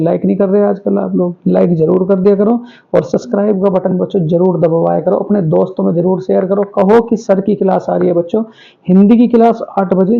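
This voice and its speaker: A man's voice: high-pitched, gravelly. A male teacher giving an online exam-prep class, who asks students questions and repeats each answer. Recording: tinny phone-like audio.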